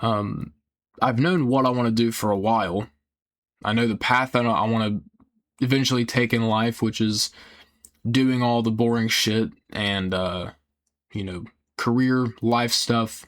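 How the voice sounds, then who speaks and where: A young man talking casually and earnestly in a rambling, halting way that often trails off, with some casual swearing. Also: medium pitch, fairly even intonation, a bit bright. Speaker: video creator. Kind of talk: casual rambling personal talk.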